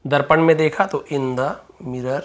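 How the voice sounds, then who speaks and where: A man teaching English grammar in Hindi, explaining step by step, asking and answering his own questions and slowing right down to dictate English phrases. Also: mid-range voice, steady tone. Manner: drawn-out slow dictation when writing English phrases.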